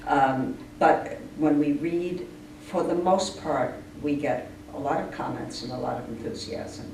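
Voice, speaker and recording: As leader of a poetry reading group, a person explains things earnestly in an informal interview. The voice is medium-pitched, unhurried, and darkish in tone. It's recorded distantly in an echoey room with clear noise.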